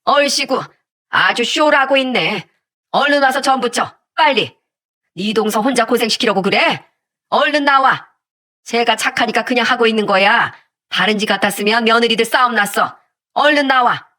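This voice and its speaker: A woman voicing a sharp-tongued older mother-in-law who talks in curt, bossy, sneering jabs, in a storybook-style telling. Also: fairly high pitch, moderate pace. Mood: scolding. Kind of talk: storybook narration with acted voices.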